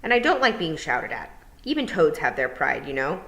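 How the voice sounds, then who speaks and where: A woman's voice: low-pitched, normal speed, exaggerated voice, poor audio. A woman reading an audiobook and voicing a dry, sardonic male toad. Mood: prickly. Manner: dry, deadpan, mildly sardonic.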